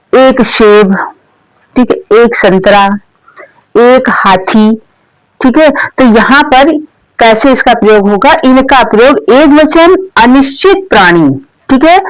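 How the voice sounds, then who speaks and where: A woman's voice: fairly high pitch, dry recording, low-quality recording. A patient woman teaching grammar step by step. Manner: asks questions then answers them, repeats points, frequent "okay" check-ins; says English example words slowly and deliberately. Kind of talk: explanatory grammar lesson for learners.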